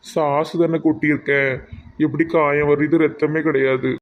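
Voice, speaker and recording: A man's voice: a little high, flat delivery, moderate pace, highs cut off, natural voice. A man playing a playful young prankster friend in a comedy skit, with a Tirunelveli Tamil accent and an earnest, apologetic manner. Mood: teasing. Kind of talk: amateur comedy skit acting.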